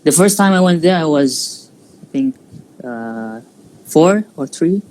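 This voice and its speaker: A young Indonesian man in his twenties, a student guest, tells his story in a casual live-streamed interview, pausing with frequent fillers and restarts. His voice is on the high side, animated and a little mellow, on a rough recording with slight background noise.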